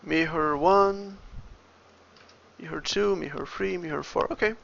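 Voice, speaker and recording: On a casual livestream, a Brazilian game developer thinks aloud as he works, muttering each step to himself in a Brazilian Portuguese accent. He speaks a little slowly in a high-leaning voice with vocal fry and a fairly bright tone, over dull audio.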